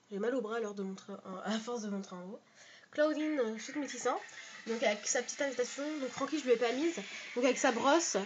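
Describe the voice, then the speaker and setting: Chatty high-voiced woman touring her collection. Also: muffled recording, noisy background. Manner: chatty, many hesitations, reels off prices. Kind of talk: casual show-and-tell vlog. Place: her bedroom at home.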